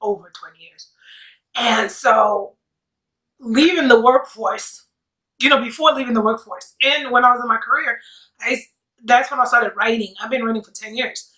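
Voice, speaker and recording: A woman's voice: on the high side, moderate pace, bright, forceful tone. A woman in her late thirties chatting casually to camera over a meal, sassy, playful and rambling, as a mukbang vlogger. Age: late 30s. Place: indoors, seated at a table. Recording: roomy echo, distant mic.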